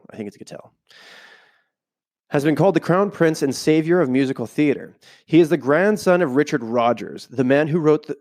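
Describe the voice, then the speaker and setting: Nursing a cold that leaves him sounding stuffy, a podcast host reads aloud from a book in a home room, not a studio, interrupting himself with loose, offhand asides. His voice is medium-pitched with a darkish tone.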